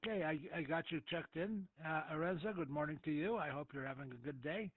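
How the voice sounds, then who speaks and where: A man running an amateur radio net in a relaxed, hesitant way with many filler pauses, heard through a narrow two-way radio transmission. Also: on the high side, dry recording. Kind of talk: casual on-air radio net chat. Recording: tinny, dry ham radio audio.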